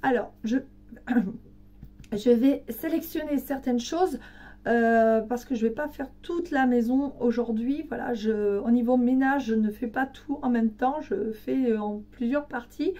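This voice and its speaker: A woman vlogger with a hoarse, raspy and breathy voice, as if it is only just coming back. She chats casually and explains step by step in a fairly high, soft-edged tone. She sounds a little away from the mic. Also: steady tone, normal speed, hardly any pauses, far from the mic. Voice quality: raspy, partly breathy voice from voice loss. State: hoarse, weak voice recovering from laryngitis. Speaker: home cleaning vlogger. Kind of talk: casual chat to camera.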